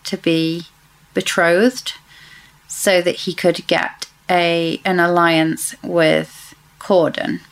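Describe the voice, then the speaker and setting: A woman's voice: on the low side, level tone, drawn-out words, clean tone, poor audio. A woman co-hosting a casual book discussion, chatty and speculative, often correcting herself mid-sentence. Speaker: podcast co-host.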